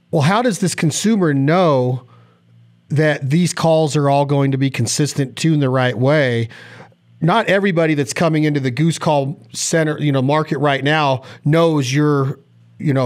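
A middle-aged man hosting a podcast, casually putting interview questions into a close microphone. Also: on the high side. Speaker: podcast host. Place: small indoor room, on video call. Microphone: close podcast microphone on boom arm, headset.

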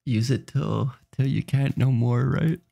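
A man's voice: medium pitch, steady tone, a little slow, gravelly, dark tone. A sleepy man streaming late at night, rambling and restarting his sentences as he chats. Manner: rambling, self-interrupting, tired.

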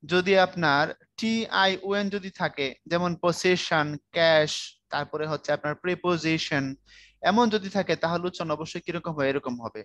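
High-voiced man teaching Bangla spelling. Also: normal speed, fairly bright tone, no echo. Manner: conversational, asks students if they follow, colloquial speech. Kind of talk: casual online lecture.

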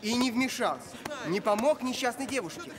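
A young man playing an insistent, sharp-tongued student in a sitcom. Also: very high-pitched, animated, a little fast, crowd noise. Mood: pressing. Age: young adult. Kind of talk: sitcom dialogue.

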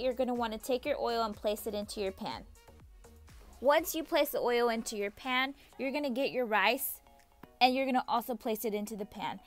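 Woman, fairly high voice, cooking tutorial voice-over, friendly step-by-step instructions, faint music underneath. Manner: friendly, repetitive instructions addressed to viewers. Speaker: home cook and channel host.

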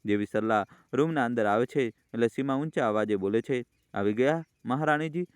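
A man narrating a scripted family story in a steady, matter-of-fact way. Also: medium pitch, fairly quick, clear, resonant tone, no room sound, studio quality.

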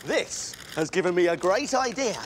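A man's voice: sits high, lively intonation, normal speed, a little hiss or hum. A man presenting a children's craft segment in a playful, exaggerated, sing-song way.

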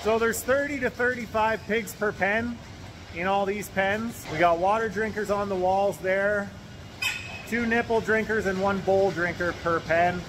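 A man's voice: high-pitched, measured pace. A man in his thirties walking through his pig barns, explaining them plainly to a phone held at arm's length. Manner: plain, matter-of-fact explaining while walking and pointing. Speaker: farmer giving a barn tour. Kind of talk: casual walking tour vlog. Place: pig barns and farmyard, indoors and outdoors. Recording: noisy barn ambience.

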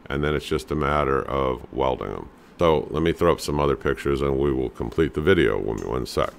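A home handyman host with a very deep voice walks through his welding projects over photos in a casual, instructional way. He sounds relaxed and plain-spoken, dropping fillers like "you know" and "um."

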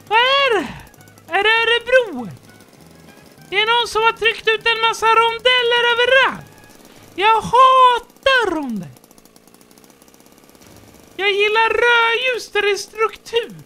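Björne, a squeaky chatty little guy. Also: pushed and bright, exaggerated voice. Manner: silly rambling running commentary. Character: squeaky childlike male character Björne, fussy and chatty. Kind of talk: in-character gameplay commentary.

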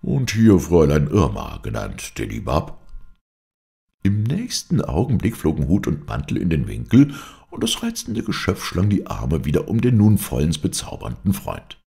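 Deep gravelly male storyteller. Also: huge pitch swings, normal speed, warm tone. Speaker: audiobook narrator. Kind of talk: scripted fairy-tale narration.

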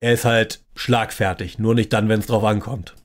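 A man's voice: fairly low pitch, flat delivery, moderate pace. A man hosting a reaction video, giving mocking commentary in a dry, sarcastic tone. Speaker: reaction channel host.

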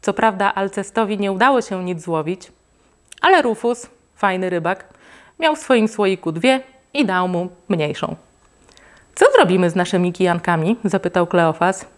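A woman reading a children's book aloud in a lively, expressive way. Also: mid-range voice, unhurried. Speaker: reader.

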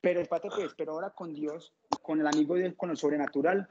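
Stammering lay preacher, man, slightly high voice, dull recording. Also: steady tone, a loud crowd. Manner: halting, frequent stutters and repeated words. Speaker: lay preacher giving a testimony. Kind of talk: informal testimony talk.

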